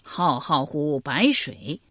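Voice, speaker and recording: A woman's voice: sits low, sing-song, slow, fairly bright tone, no room sound, clean studio sound, exaggerated voice. Woman playing a proud, aloof burly herdsman.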